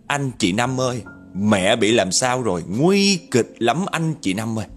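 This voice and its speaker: A man's voice: mid-range voice, lively intonation, unhurried, faint music behind, lightly acted. A man voicing a panicked young woman who wails and begs at a door in a spoken horror story. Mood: frantic pleading. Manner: frantic, wailing pleas.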